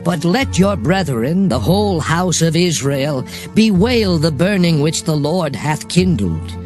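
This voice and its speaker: An actor playing a solemn, commanding biblical prophet and leader in a dramatized scripture reading, with a declamatory delivery. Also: male voice, on the high side, big pitch swings, measured pace, darkish tone. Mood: stern, commanding. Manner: solemn, declamatory, archaic phrasing. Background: music.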